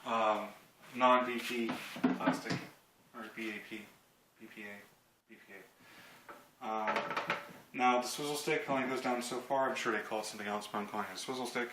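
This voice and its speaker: A man in his thirties reviews a product in his home kitchen, rambling casually and cracking jokes. He speaks at a moderate pace in a medium pitch with fairly even intonation and long pauses. A nearby handheld camera records the echoey room, with clear noise and clicks.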